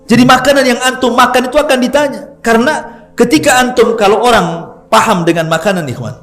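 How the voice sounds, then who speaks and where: A middle-aged male preacher tells stories in a bright, high voice. He keeps his sermon chatty and playful, teasing his listeners as he goes. Soft music sits faintly underneath. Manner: lively, chatty, jokes with the audience. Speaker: Islamic preacher. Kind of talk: storytelling sermon.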